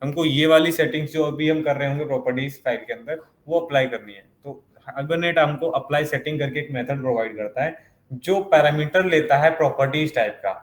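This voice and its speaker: A man's voice: on the high side, fairly quick. A man teaching a programming lesson, explaining step by step and asking himself questions as he goes. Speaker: programming instructor. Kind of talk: coding lesson. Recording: echoey room with faint noise.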